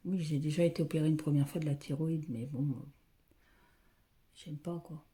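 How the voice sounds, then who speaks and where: A woman filming on her phone at home, talking softly and often half-whispering, hesitant and repeating herself as she names colors. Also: deep voice, steady tone, moderate pace. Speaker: craft vlogger showing thread colors. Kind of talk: casual show-and-tell. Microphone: phone camera.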